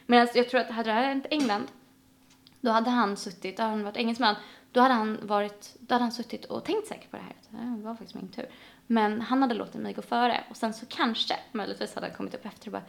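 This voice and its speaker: A woman's voice: fairly high pitch, gravelly. A woman from Sweden in casual conversation, telling stories animatedly and acting out the voices of people she quotes. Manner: animated storyteller, acts out quotes. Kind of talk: casual chat.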